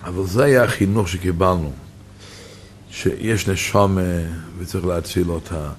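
A man with a lowish voice recounts a personal story with earnest, emotive storytelling. A faint hum of room ambience sits quietly behind him.

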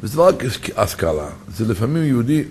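A man's voice: medium pitch, very animated, darkish tone, a little hiss or hum. A man telling a personal story in an earnest, emotive way.

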